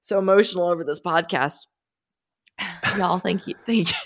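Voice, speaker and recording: A woman's voice: on the low side, moderate pace. A woman co-hosting a podcast in casual chat, laughing often and rambling as she loses her words. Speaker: podcast co-host.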